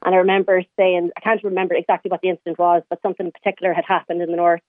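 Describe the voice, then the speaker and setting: A Donegal Irish woman calls in over a tinny phone line. She talks very quickly and informally, sharing personal memories in a chatty, conversational way. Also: fairly low pitch, flat delivery, no room sound. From County Donegal, Ireland. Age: late 30s. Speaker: radio phone-in caller. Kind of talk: personal reminiscence in casual conversation. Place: phone call to a radio show. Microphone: telephone.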